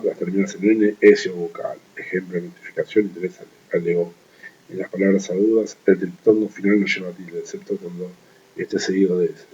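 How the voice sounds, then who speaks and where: A man reading a legal writing manual aloud, steady and methodical, restarting words he stumbles on and adding brief offhand remarks. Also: sits low, lo-fi sound. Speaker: law study reader.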